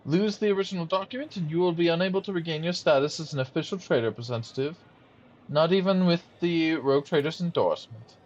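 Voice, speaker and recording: A man's voice: fairly high pitch, quick pace, a little mellow, muffled recording, lightly acted. A man reading aloud the lines of a fussy, pompous male imperial official from a game. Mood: officious.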